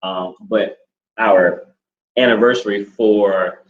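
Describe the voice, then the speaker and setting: A man's voice: lowish voice, fairly even intonation, takes it slowly, slight background noise. Laid-back rambling man, echoey room. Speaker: co-host. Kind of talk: casual couple chat. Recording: echoey room, dull lo-fi sound.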